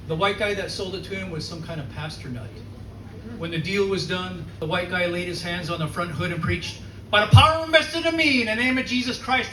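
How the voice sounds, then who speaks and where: A featured poet from South Dakota, USA, performs spoken word at an indoor poetry reading venue, his high-pitched voice rhythmic and dramatic with sardonic humor. The recording is noisy and captured from a distance in an echoey room.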